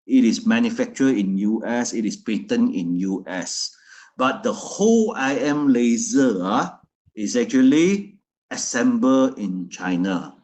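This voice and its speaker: A man's voice: fairly low pitch, darkish tone. A man presenting a product in a loose, repetitive way, often restarting his phrases.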